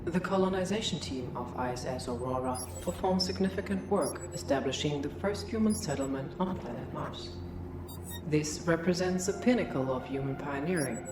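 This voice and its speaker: A deep female computer announcer processes a security check and then briefs the commander in an even, official tone. The sound is roomy and echoing, with a game soundtrack running clearly underneath. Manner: formal, measured, official briefing delivery. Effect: computer system announcement voice. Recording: roomy echo with music underneath, game audio. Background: game soundtrack music.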